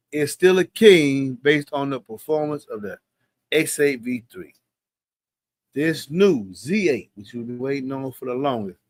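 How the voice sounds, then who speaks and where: This live-stream host, a man in his fifties, fields questions in a relaxed, slangy chat with plenty of confidence. His mid-range voice comes through on a dry recording.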